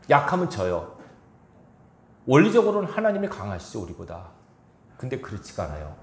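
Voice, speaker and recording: A man's voice: mid-range voice, a little mellow. A male pastor giving a sermon, reading scripture and then pressing the congregation with rhetorical questions. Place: church sanctuary. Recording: echoey church room.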